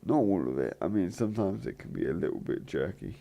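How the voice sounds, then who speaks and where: A gaming channel host with a low, dark, croaky and gravelly voice rambles quickly over his let's play footage. He's animated, his pitch rising and falling a lot, yet hesitant, stopping and restarting sentences with many fillers.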